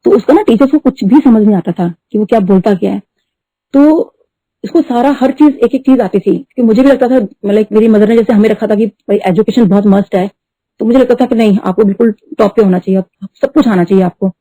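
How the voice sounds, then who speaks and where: A middle-aged woman telling a devotional story at a satsang, talking fast and mixing in English words. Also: medium pitch, mellow, no echo. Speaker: devotee sharing testimony. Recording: dull lo-fi dry recording.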